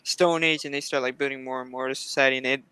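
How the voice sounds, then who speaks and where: Bright, crisp rambling man. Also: medium pitch, fairly even intonation, quick pace, no room sound. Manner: rambling, restarts often. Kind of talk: casual group chat.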